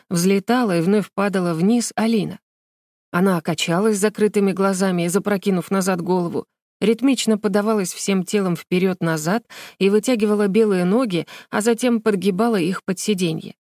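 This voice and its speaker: A woman reading a children's book aloud as a narrator, with steady, even storytelling. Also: mid-range voice, normal speed, no echo, studio quality. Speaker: audiobook narrator. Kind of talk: scripted narration.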